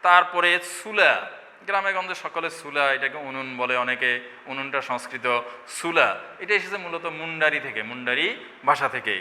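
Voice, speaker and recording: A man's voice: on the high side, fairly quick, bright, forceful tone, in a large hall, a little hiss or hum. A middle-aged man teaching an online language class, explaining points and answering his own questions. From Bangladesh. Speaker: Bengali teacher.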